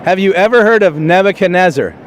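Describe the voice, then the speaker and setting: A man hosting street interviews, including a direct-to-camera intro, asks passers-by the same questions in a plain, hesitant way full of fillers and restarts. His voice sits high with lively intonation and a brisk pace, over a faint crowd and a little hiss or hum.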